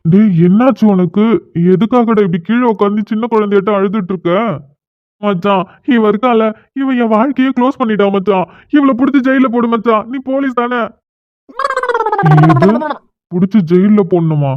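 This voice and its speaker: A calm young policeman friend from a cartoon, as the performer puts him on. He speaks in a steady, placating way at a middling pitch. The sound is tinny and phone-like, with a dry finish. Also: normal speed, no room sound, close to an everyday voice.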